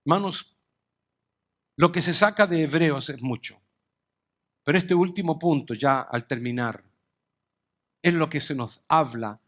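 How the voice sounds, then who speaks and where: A man preaching a sermon slowly and emphatically, his voice rising and dropping sharply between phrases. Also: mid-range voice, a bit bright. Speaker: pastor.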